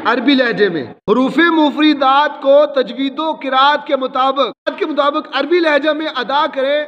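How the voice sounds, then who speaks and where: A man's voice: extremely high pitch, a bit bright. A man teaching a class to recite the Quran, repeating questions and answers as a drill. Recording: echoey hall, dull lo-fi sound, class crowd.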